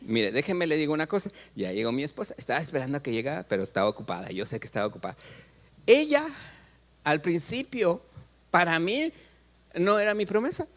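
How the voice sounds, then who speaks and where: A man's voice: on the high side, a little fast. A middle-aged man with a Mexican accent preaching a sermon in a church, acting out prayers and questioning the congregation. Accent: Mexican Spanish. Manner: animated, acts out prayers and dialogues, asks the congregation questions. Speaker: pastor.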